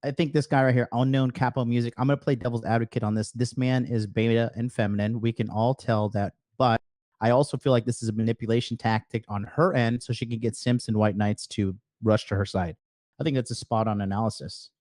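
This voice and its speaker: A man's voice: medium pitch, fairly even intonation, brisk, a little mellow, no room sound. Casual male host, dry close sound. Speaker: host of reaction panel. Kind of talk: casual commentary chat.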